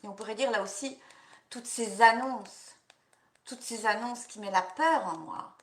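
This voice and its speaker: A woman practitioner leading a guided EFT tapping session, repeating slow affirmations and coaching listeners between phrases. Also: fairly high pitch, fairly bright tone, reverberant.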